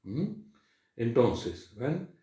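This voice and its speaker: Slow, halting male teacher, echoey room. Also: mid-range voice, very animated, warm tone. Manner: slow, halting, full of fillers and checks like "¿eh?" and "¿ven?". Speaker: Greek teacher. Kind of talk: classroom lecture. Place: classroom. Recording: very echoey classroom.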